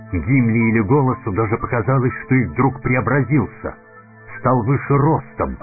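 A man narrating an audiobook fairy tale in a measured storytelling manner. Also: lowish voice. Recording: tinny narrow-band recording, faint music.

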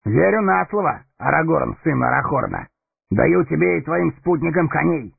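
A man voicing a proud, blunt male horse-lord captain in a gruff, gravelly, husky audiobook character voice. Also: fairly high pitch, expressive, normal speed, voice pushed up, heavily acted. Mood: earnest. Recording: tinny narrow-band recording, faint music.

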